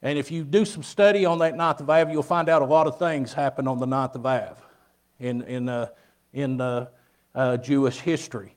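A man preaching an informal evening Bible lesson at a pulpit microphone, speaking in a halting, folksy, plain-spoken way and putting questions to his listeners. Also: medium pitch, steady tone. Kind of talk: informal teaching sermon with questions to congregation.

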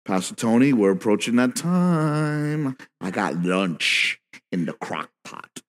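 A man's voice: medium pitch, sing-song, slow, pitched below the performer's own voice. A man voicing an impatient male churchgoer who wants the preacher to wrap up and tell him what to do. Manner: pleading, self-mocking. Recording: long reverb with faint music.

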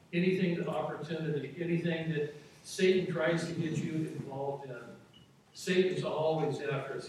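Guy preaching a sermon, slightly high voice, emphatic rises, faint room hum behind. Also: a little mellow. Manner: preacher's cadence with emphatic rising phrases and slowed scripture reading. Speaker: pastor. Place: church auditorium. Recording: very echoey hall from far off.

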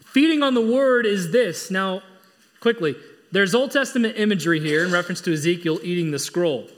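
A pastor preaching a sermon, earnest and emphatic, driving points home through repetition. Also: male voice, high voice, expressive, fairly quick.

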